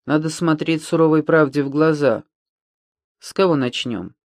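A man's voice: fairly high pitch, moderate pace, no room sound, studio quality, close to an everyday voice. A man reading an audiobook, voicing a level-headed boy who speaks in a matter-of-fact, businesslike way.

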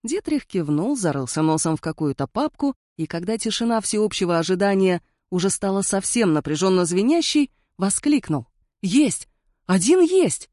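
A woman narrating an audiobook with an expressive reading. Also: medium pitch, moderate pace, few pauses, dry recording, clean studio sound. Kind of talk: scripted narration.

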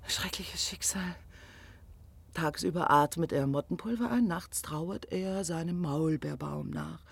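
An actress with a husky, breathy, low-pitched voice plays a pushy, lovelorn provincial woman organiser in a radio drama, exaggerated, effusive, rambling and melodramatic. She speaks unhurriedly in a mournful, gossiping mood, with no room sound.

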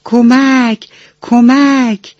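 A woman's voice: sits low, darkish tone, no room sound. Woman putting on a vain little red pepper, boastful, sing-song, storybook radio, dull lo-fi sound. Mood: panicked.

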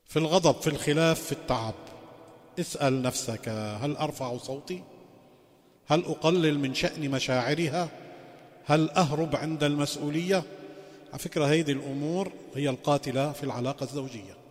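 A man's voice: on the high side, fairly quick. A man giving a religious lecture as a sheikh. He poses rhetorical questions and moves between formal phrasing and colloquial asides. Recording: long reverberant hall.

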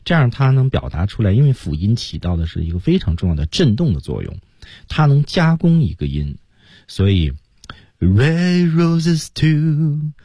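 Man, radio singing coach, step-by-step explanations, mellow tone, very dry sound. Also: on the low side, slightly rough, no echo. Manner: explains step by step, sings snippets to demonstrate. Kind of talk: radio teaching talk.

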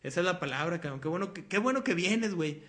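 A man's voice: high-pitched, sing-song, fast talker, noisy background. A young man with a Mexican accent hosting a casual podcast, talking in a loose, rambling way full of slang and swearing. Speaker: podcast host.

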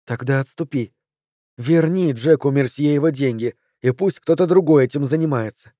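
A man voicing a tender young woman, the hero's lover, in a soft hushed tone. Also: fairly high pitch, normal speed, no room sound, studio quality, close to an everyday voice.

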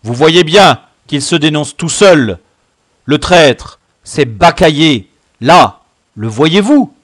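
A man reading a storybook who voices a furious boy gang leader, roaring out accusations in a high, loud voice. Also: expressive, slow pace, no room sound, studio quality, heavily acted.

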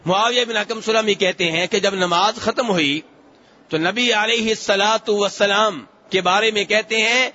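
A male preacher giving a hadith lesson who repeats phrases to explain them and recites Arabic slowly before translating it. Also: high-pitched, bright, forceful tone, highs cut off, a little hiss or hum. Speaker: Islamic preacher.

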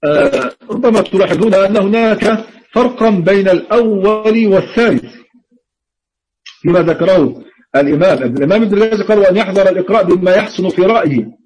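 A man's voice: sits high, fast, a little mellow, slightly rough, low-quality recording. A man teaching Quran recitation in an online lesson, explaining patiently, repeating key words and intoning example readings.

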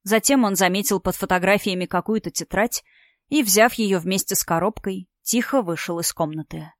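A woman's voice: mid-range voice, normal speed, no room sound, clean studio sound. Woman narrating a dramatic story. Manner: even, expressive storytelling.

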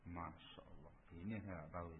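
A man teaching a religious study lesson with a husky voice, emphatic and repeating key phrases. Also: low-pitched, steady tone, fairly quick, noisy background. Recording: phone-like radio stream with long reverb.

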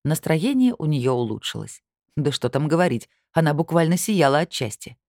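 Low, lively woman narrating a novel. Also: moderate pace, no echo, clean studio sound. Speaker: audiobook narrator. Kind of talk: first-person audiobook narration.

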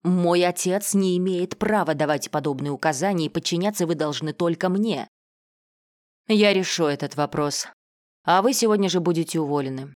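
A woman reading the part of a hot-tempered, domineering wealthy man who shouts and mocks. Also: lowish voice, normal speed, dry recording, studio quality, natural voice. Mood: furious. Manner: harsh, shouting, mocking.

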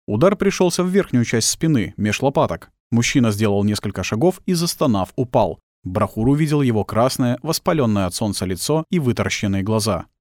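A man narrating an audiobook in a tense, expressive storytelling manner. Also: mid-range voice, a little fast, few pauses, no room sound. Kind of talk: dramatic scripted narration. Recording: dry close studio sound.

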